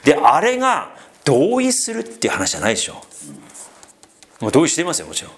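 Speaking quickly in a voice on the high side, a male pastor preaches in an animated, conversational way. He leans on frequent fillers and turns to the congregation with asides.

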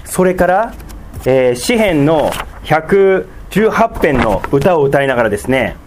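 A man preaching a sermon as a pastor, teaching slowly and deliberately with many fillers and sudden emphatic rises. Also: on the high side, big pitch swings, a little hiss or hum.

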